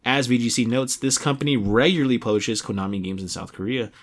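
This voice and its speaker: A man's voice: medium pitch, fast talker. A young adult man hosting a casual video game podcast, talking in a rambling way with many restarts and fillers. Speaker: podcast host.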